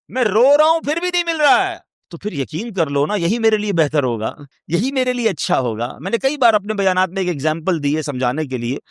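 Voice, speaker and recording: In a studio-quality recording free of room sound, a man preaches an emotive, rhetorical sermon. He asks the listeners questions, shifting from loud, high-pitched ones to low, quiet asides.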